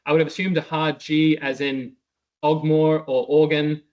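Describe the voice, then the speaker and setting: A man's voice: fairly high pitch, little pitch movement, normal speed, highs cut off. A man from Wales answering questions after an academic talk, with many fillers and restarts. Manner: hesitant, many fillers and restarts, laughs easily. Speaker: conference speaker.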